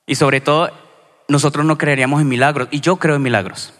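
A man with a Colombian accent from Cali, a pastor giving a sermon in a conversational, storytelling way with lively asides. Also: a little high, brisk. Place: church hall. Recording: reverberant church hall.

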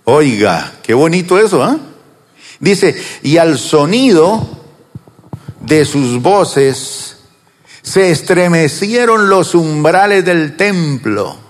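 Animated pastor preaching in a reverberant church. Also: male voice, a little high. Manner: asks the congregation questions and answers them; swings between slow drawn-out words and fast asides. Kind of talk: sermon.

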